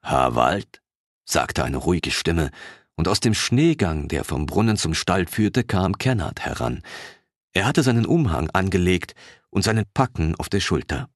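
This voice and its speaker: A man narrating a fantasy audiobook in the first person, telling the story in an expressive, unhurried way. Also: sits low, no echo, studio quality.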